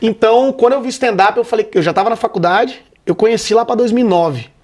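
A laid-back man from Vitória, Brazil, talks as a stand-up comedian guest in a relaxed podcast chat. His voice sits notably high, and his speech is loose, slangy and peppered with swearing. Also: fast. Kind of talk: casual podcast conversation.

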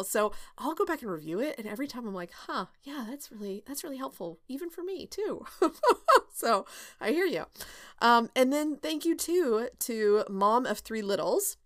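Her voice is mid-range and captured in clean studio sound without any room sound. She's an OB/GYN and podcast host, talking candidly and casually on her own, with frequent fillers, restarts and little laughs.

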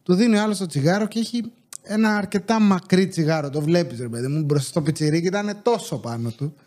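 A man, hosting a podcast and telling stories in a casual, animated way. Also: high voice. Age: 30s. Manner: animated storytelling with acted-out quotes. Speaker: podcast host. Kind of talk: casual chat.

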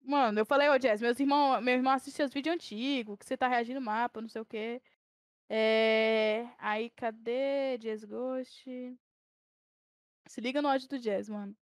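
A young woman from Brazil telling a story in excited, animated casual chat with lots of slang. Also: on the high side, normal speed, smooth. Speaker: guest streamer.

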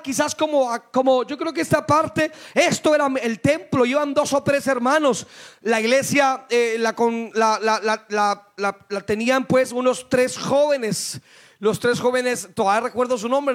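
A man's voice: very high-pitched, fairly bright tone. A male pastor, preaching a fervent sermon full of rhetorical questions.

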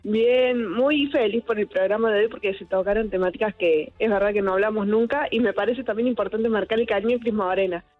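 A woman's voice: mid-range voice, fairly even intonation, a little fast, few pauses, soft background music. A woman with a Córdoba Argentine accent calling in to a radio show, telling a story in a chatty, earnest way over a phone line. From Argentina, partly raised in Córdoba. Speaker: radio caller. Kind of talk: casual phone-in chat.

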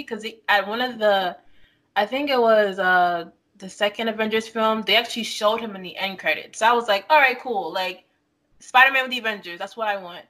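A young woman hosting a podcast in casual chat, animated and laughing often as she acts out quotes. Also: mid-range voice. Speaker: podcast host.

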